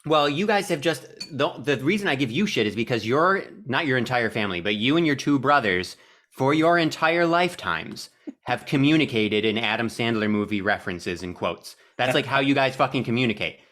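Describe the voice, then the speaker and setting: Bright-voiced, blunt male podcast co-host. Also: medium pitch, expressive, a little fast. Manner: blunt, swears casually. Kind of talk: casual chat.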